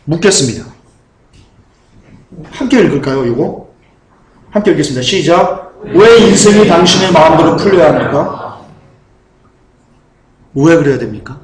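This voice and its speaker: A man's voice: a little high, lively intonation, moderate pace, pauses often, crowd noise. A man preaching a fervent sermon as pastor. He keeps asking the congregation questions. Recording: echoey hall.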